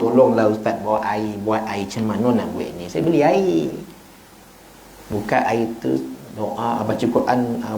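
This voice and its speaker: A man with a Malaysian Malay accent gives a relaxed evening lecture in a small mosque, acting out the people in his stories and joking between points. His voice sits at an ordinary middle pitch for a man. The prayer hall rings with echo, and there is a faint hum behind him. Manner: animated storytelling, acting out dialogues with joking asides. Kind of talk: informal sermon.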